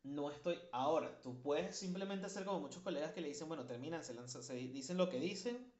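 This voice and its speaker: A man's voice: fairly high pitch, quick pace, a little mellow. A man lectures in a frank, conversational way, stopping and restarting his sentences as he goes. The sound bounces around a roomy space, and the recording is dull and lo-fi. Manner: candid, conversational, frequent self-corrections and restarts. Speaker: psychology lecturer. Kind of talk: spoken class lecture.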